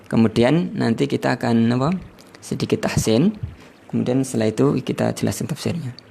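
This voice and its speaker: Gravelly-voiced male Quran teacher. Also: medium pitch, dark tone, a little hiss or hum. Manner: tags sentences with "ya", sings out verses slowly to demonstrate. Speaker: religious teacher. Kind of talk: Quran recitation lesson. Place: livestreamed study session.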